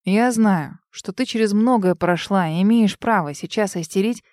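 A woman voicing a polite, embarrassed male driver who speaks calmly in an audiobook. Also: mid-range voice, moderate pace, no room sound, clean studio sound, close to an everyday voice. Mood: apologetic. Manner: calm, apologetic.

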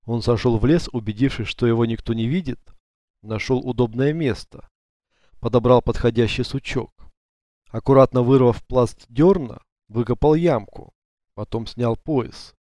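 A man narrating an audiobook in an even, measured storytelling manner, on a close studio mic. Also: mid-range voice, no room sound. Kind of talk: scripted narration.

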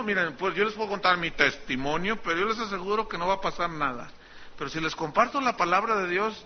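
A man's voice: high-pitched, lo-fi sound, slight background noise. A man preaching a sermon as pastor, telling the story conversationally and teasing his congregation.

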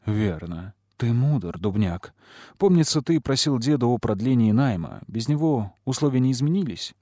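A man's voice: medium pitch, expressive, moderate pace, mellow, no echo, clean studio sound, close to an everyday voice. A man voicing a brash young nobleman speaking in an offhand, musing way. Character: brash young nobleman, practical big brother.

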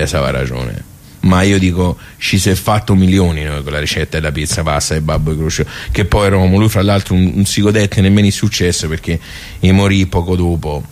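In a rambling, folksy radio theatre monologue, an actor voices a chatty, nostalgic regular of a village social club, spinning stories in a Tuscan accent. His voice is male, low and natural.

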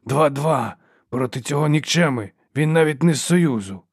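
A man's voice: on the high side, animated, moderate pace, slightly rough, dry recording, studio quality, voice pushed up. A man doing a hissing, demanding old marshal. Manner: hissing, urgent commands.

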